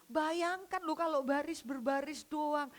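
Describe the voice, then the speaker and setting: Woman vicar, high-pitched, animated sermon full of acted dialogue. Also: unhurried. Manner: animated storytelling, acting out dialogue with many pitch jumps. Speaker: vicar preaching. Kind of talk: lively sermon to a women's fellowship.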